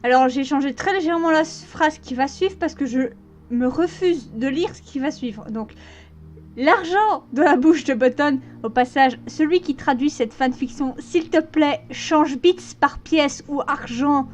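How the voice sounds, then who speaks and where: A woman's voice: high voice, a little slow. A woman casually reading a fanfiction aloud, stumbling over words now and then and breaking off for joking asides. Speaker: fanfiction reader.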